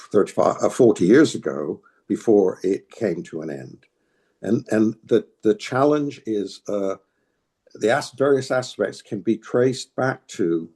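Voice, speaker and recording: This older political activist from New England, United States, speaks with a New England American accent and a fairly low, mellow voice. In reflective interview talk, he answers questions hesitantly and thoughtfully, with frequent restarts.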